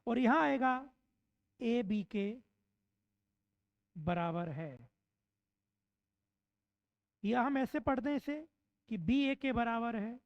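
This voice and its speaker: High-voiced woman drilling a class. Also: no echo. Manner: asks questions and answers them herself; repeats points slowly to drill them in. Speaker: exam-prep teacher. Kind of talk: online classroom lecture. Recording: dull, slightly lo-fi dry recording.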